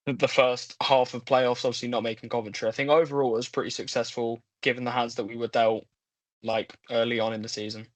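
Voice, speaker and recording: A man's voice: mid-range voice, level tone, quick pace. A man chats casually as a fan guest on a podcast. His voice sounds dry, with no room echo.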